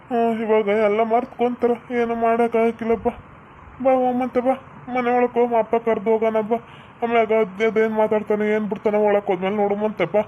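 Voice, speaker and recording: A woman's voice: on the high side, dull audio, slight background noise, natural voice. A woman voicing a young village husband in a cartoon, coaxing and soothing in a North Karnataka accent. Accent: North Karnataka Kannada. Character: young village husband comforting his wife.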